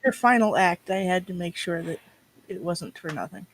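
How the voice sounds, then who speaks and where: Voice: mid-range voice, normal speed, lightly acted. A player voicing a grieving, angry, stubborn adventurer in improvised tabletop role-play, demanding and confrontational. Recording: clearly noisy recording with clicks.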